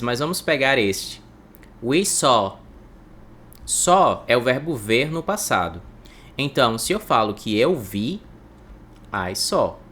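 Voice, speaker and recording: A man gives an English lesson in Portuguese, drilling each word slowly and repeating it for his students. His pitch swings widely as he stresses words. A faint noise sits under the recording. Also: fairly bright tone. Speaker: English teacher.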